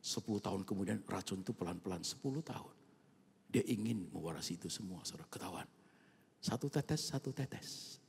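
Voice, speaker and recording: A male pastor preaching a sermon at an evening church prayer service. He talks colloquially, turns often to the congregation, and swings between loud outbursts and hushed near-whispers. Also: low-pitched, lively intonation, fairly quick, creaky, slightly rough. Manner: colloquial, with frequent asides to the congregation.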